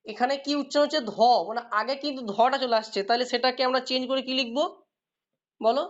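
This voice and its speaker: A woman teacher leads a classroom lesson, explaining patiently and quizzing her students as she goes. Her voice sits a little high. The recording is dull and lo-fi. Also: fairly even intonation, fast. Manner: explains patiently, asks students questions and praises answers.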